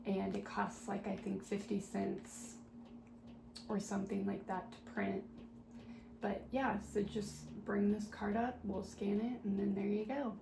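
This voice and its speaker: A woman doing a soft-spoken, ASMR role-play as a helpful, patient librarian, talking gently and politely as if serving patrons at the desk. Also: medium pitch, little pitch movement, unhurried. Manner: gentle, polite customer-service talk with small murmured asides. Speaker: ASMR performer playing a librarian at a checkout desk. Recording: roomy echo, clear background noise.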